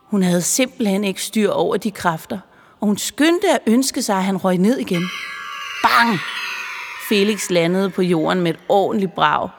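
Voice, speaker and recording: A woman reading a children's story aloud, expressive and playful. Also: mid-range voice. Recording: long reverb with music behind.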